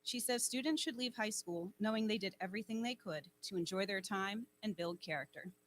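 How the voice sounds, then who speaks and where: A woman's voice: medium pitch, a little fast, a little hiss or hum. A woman advisor reading student officer bios formally from a lectern microphone at a school ceremony. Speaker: honor society advisor. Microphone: speaking at a lectern microphone.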